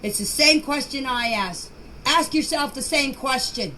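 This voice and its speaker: With a high, sharp voice and lively intonation, an older or middle-aged woman sends off-the-cuff voice messages to a group chat. She argues defensively and insistently, halting over words and names and repeating herself. Noise fills the amateur recording.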